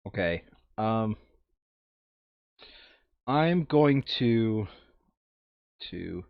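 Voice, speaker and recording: Speaking very slowly in a lowish, clear, resonant voice with vocal fry and lively intonation, a board game player thinks aloud through his moves and mutters counts during casual chat. There's no room sound, and the audio is dull.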